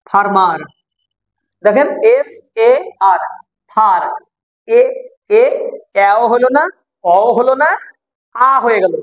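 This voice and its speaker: A woman teaching English reading, explaining slowly, repeating words and spelling them out letter by letter, with some English phrases mixed in. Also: on the high side, low-quality recording. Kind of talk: explanatory online lesson.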